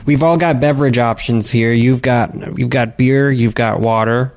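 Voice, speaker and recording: A man's voice: mid-range voice, steady tone, normal speed, a little mellow. Rambling young man hosting a podcast. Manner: rambling, joking, mock-exasperated. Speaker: podcast host. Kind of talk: casual podcast chat. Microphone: studio microphone.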